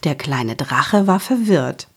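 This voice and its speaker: A woman narrating a children's audiobook in a lively, expressive way. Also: sits low, slow, slightly rough.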